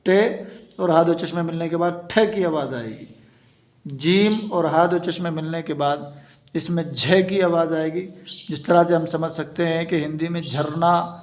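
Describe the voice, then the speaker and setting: A man teaching an Urdu reading lesson, slowly sounding out letters and repeating each sound. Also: fairly high pitch, steady tone. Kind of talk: slow step-by-step reading lesson. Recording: echoey room.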